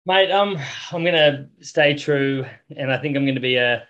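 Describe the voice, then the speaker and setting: An excitable, joking man chatting on a podcast. His voice comes through a slightly dull, muffled recording. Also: medium pitch, normal speed. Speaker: podcast co-host. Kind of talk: casual podcast banter.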